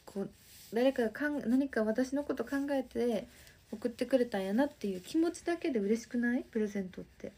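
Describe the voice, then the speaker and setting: Speaking with an Osaka accent, a woman in her twenties from Osaka, Japan, runs a livestream, reading out comments and chatting warmly with viewers. Her voice sits fairly high, mellow and husky, and she talks a little fast.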